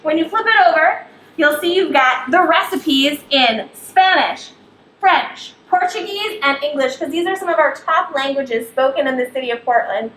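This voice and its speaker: A woman's voice: high voice, expressive, normal speed, a bit bright. A woman hosting a live cooking show, upbeat and talking straight to the viewers at home. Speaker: host. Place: kitchen. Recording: echoey kitchen, faint background noise.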